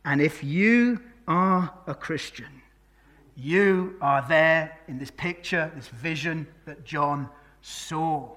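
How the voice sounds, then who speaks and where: A British preacher giving an earnest, emotional sermon, moving from soft, slow phrases to loud, emphatic ones. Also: medium pitch. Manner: dramatic swings from soft to loud, slows on key phrases.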